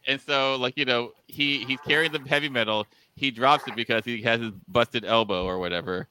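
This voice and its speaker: A man co-hosting a podcast in casual chat, an animated storyteller who laughs often and restarts his sentences. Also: medium pitch, fairly quick, a little hiss or hum, poor audio. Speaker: podcast co-host.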